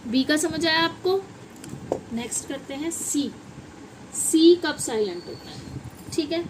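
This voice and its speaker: Her voice sits high with lively intonation and an unhurried pace as this Hindi-accented woman runs a classroom-style English pronunciation lesson. She often asks questions and supplies the answers, over some background noise.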